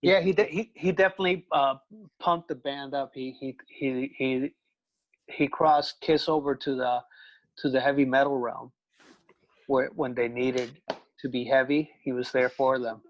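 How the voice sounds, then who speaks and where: A man's voice: medium pitch, fairly even intonation, measured pace, no echo. A man hosting a fan talk show, chatting eagerly with a guest and often restarting his sentences. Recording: dull lo-fi dry sound.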